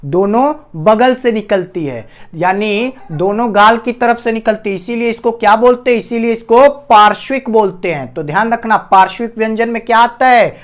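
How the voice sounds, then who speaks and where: Speaking at a moderate pace with few pauses, a man in a high voice gives a whiteboard lesson on Hindi grammar. He calls the students "bhaiya," asks the class questions, and says each key term more than once.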